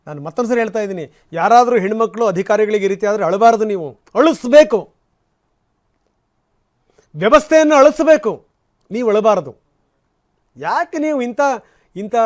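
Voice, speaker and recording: A man giving impassioned, indignant news commentary as an anchor, full of rhetorical questions and emphatic repetition. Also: sits high.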